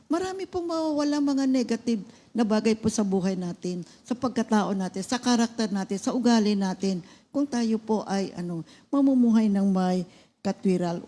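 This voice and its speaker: Filipina woman co-host, Bible teaching, warm mellow voice, slightly high, animated storyteller. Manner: animated storytelling, acting out dialogue loudly.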